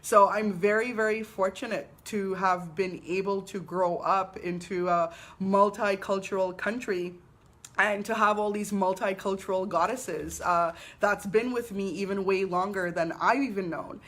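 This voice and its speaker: A woman, a spiritual teacher hosting a live weekly talk, telling stories in an unhurried, reverent way. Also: medium pitch, steady tone, fairly bright tone. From Trinidad and Tobago. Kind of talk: live-streamed personal talk.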